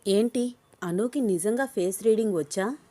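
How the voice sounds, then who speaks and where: A woman's voice: mid-range voice, moderate pace, mellow, lightly acted. A woman reading a story, voicing a young man who teases the woman he is falling for. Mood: musing. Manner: playful, teasing questions. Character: young man, teasing, smitten office boss.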